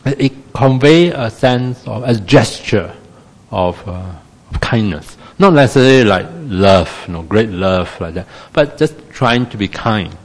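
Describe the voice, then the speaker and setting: A man teaching loving-kindness meditation in a casual, gentle way, with many pauses and fillers and a self-deprecating humor. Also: lowish voice, lively intonation. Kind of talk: casual dharma talk. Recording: long hall reverb.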